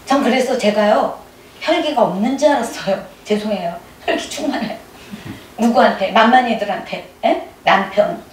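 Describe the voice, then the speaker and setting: A woman's voice: a little high, a little hiss or hum. Middle-aged woman preaching in an echoey hall. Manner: keeps prodding the audience with quick questions. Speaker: church speaker giving testimony. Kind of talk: conversational sermon. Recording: echoey room, mic at a distance.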